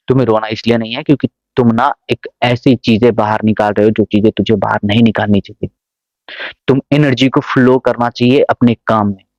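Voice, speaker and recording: A man's voice: mid-range voice, no echo. Man, vlogger, pep-talk to camera, coaxing, dry muffled phone sound. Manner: coaxing, keeps asking if you understand. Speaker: vlogger giving advice. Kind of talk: casual motivational talk to camera.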